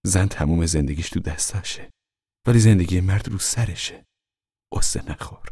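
A man voicing a calm, wise mother who speaks softly and reassuringly, almost in a whisper, in an audiobook. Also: sits low, slightly rough, dry recording, exaggerated voice. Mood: gentle, reassuring. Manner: soft, soothing, half-whispered. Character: calm, wise, steady mother of a poor family. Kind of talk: audiobook character reading.

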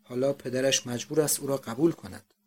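A man's voice: mid-range voice, steady tone, darkish tone, lightly acted. A man voicing a chattering older woman, a boarding-house landlady, in an audiobook. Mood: gossipy.

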